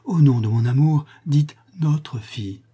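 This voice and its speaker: A man's voice: medium pitch, a little slow, warm tone, husky. A man voicing a passionate noble prince who pleads tenderly, in an earnest manner, for an audiobook. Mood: pleading. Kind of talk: audiobook reading.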